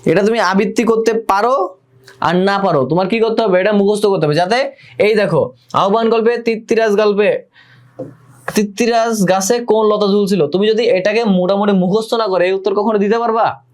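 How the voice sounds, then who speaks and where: A man's voice: high-pitched, moderate pace. A young man teaching a live online admission class, who keeps asking students questions, repeats himself and reads their comments aloud. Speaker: admission test tutor.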